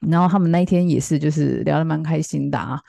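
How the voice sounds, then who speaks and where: Fast-talking low-voiced woman telling a story. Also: vocal fry, mellow, no room sound. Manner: chatty, full of fillers, acts out quoted lines. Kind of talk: casual storytelling.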